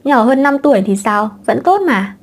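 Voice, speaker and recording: A woman's voice: on the high side, lively intonation, moderate pace. A woman voicing a vain, irritable thirty-year-old man in an audiobook. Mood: forced calm.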